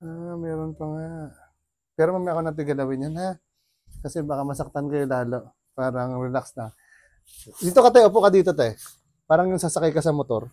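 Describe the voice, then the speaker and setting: A man's voice: a little high, brisk, long pauses, dark tone, dry recording. A Filipino man working as a bone setter, talking a client through treatment in a soothing, coaxing way with frequent laughs. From Philippines.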